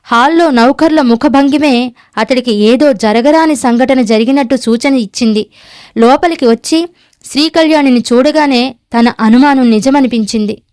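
High-voiced woman reading a novel. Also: moderate pace, darkish tone, no echo, clean studio sound. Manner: reads every character's lines herself in a near-natural voice. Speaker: audiobook narrator.

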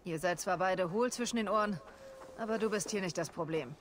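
A woman's voice: medium pitch, brisk, slight background noise, close to an everyday voice. Woman as a stern Viking warrior woman. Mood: dry, annoyed. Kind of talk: video game character dialogue.

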